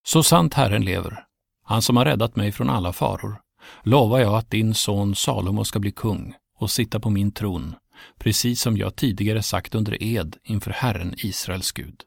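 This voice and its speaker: An aged king over seventy swearing an oath and issuing orders, as a male reader voices him. The voice is low and gravelly, solemn and commanding, with a dry close-miked sound. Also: dry recording. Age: 70s.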